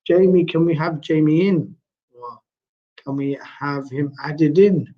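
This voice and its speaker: A man hosting a casual online interview, halting and often repeating his phrases. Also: fairly high pitch, fairly even intonation. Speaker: host. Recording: dull lo-fi online call.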